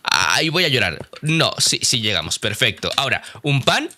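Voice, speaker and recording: A young man doing excitable live gameplay commentary, talking straight to his viewers and breaking into surprised exclamations. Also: mid-range voice, normal speed, dry recording. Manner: addresses viewers directly as friends. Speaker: gaming video creator.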